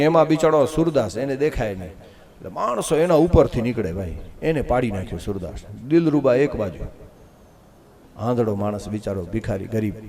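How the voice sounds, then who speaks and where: A man telling a devotional story on a katha stage, swinging between hushed and loud passages. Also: medium pitch. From Kutch, Gujarat. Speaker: Bhagavat katha preacher. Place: open-air katha stage before a crowd.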